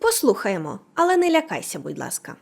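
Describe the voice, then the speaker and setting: Lively woman teaching a language lesson. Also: medium pitch, brisk. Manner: animated, clearly enunciated explanations. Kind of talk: scripted lesson narration.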